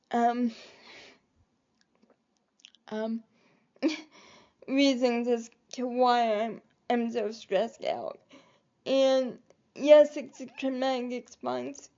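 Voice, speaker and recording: Slow, rambling woman vlogger with dark tone. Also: high voice, lo-fi sound. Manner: rambling, hesitant, many fillers and restarts. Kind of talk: reflective personal vlog.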